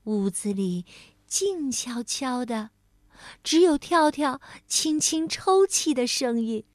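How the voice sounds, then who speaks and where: A woman telling a bedtime story to a child, gentle and unhurried, speaking to the listener directly. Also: sits high, expressive, no echo, clean studio sound.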